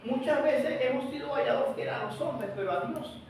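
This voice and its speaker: A man's voice: very high voice, moderate pace, a little mellow. A male pastor preaching a sermon, emphatic and full of rhetorical questions put to the congregation. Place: church. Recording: echoey church hall from far off, faint noise.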